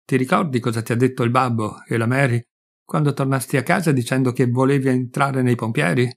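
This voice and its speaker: A man's voice: mid-range voice, fairly even intonation, brisk, creaky. A man voicing a fond elderly mother. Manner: gentle, reminiscing, affectionate.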